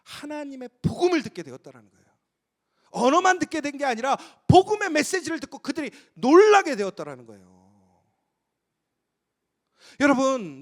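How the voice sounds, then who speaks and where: A male pastor preaching a sermon, emphatic and storytelling, who often turns to the congregation with rhetorical questions. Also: extremely high pitch. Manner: lively, storytelling delivery with occasional laughs.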